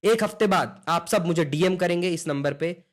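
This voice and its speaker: A young man with a high voice teaches an online beginner language lesson. He encourages his students in a motivational way, calls them brother and guys, and mixes in English phrases. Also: moderate pace.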